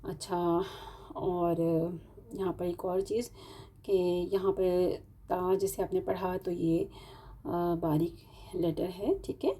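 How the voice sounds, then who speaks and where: A woman's voice: on the low side, little pitch movement, dark tone, husky. A woman teaching a Quran recitation lesson, explaining patiently step by step and stretching out example words. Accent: Urdu-speaking, Pakistani. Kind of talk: online tajweed lesson.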